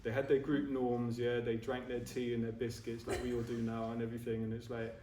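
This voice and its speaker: A man's voice: medium pitch, monotone, brisk, warm tone, a little hiss or hum. A man in his forties giving a casual, self-mocking Buddhist talk to a group, often checking in with his listeners. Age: 40s. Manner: chatty and self-mocking, keeps checking in with "yeah?". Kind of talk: informal dharma talk to a group. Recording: roomy echo, voice from a distance.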